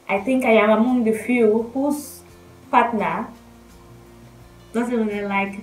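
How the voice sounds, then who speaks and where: A young Nigerian-accented woman telling a personal story casually to camera, with R's she doesn't pronounce clearly. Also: medium pitch. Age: young adult. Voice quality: cannot pronounce R's well. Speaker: vlogger. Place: small bedroom indoors. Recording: roomy echo, faint music behind. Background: faint music.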